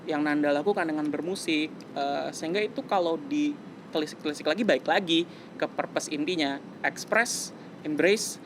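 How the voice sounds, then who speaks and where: A musician from West Java, Indonesia, in his twenties, speaks earnestly and reflectively as a guest in a casual interview, dropping in English phrases. His voice is fairly high and moderately paced, against a noisy background.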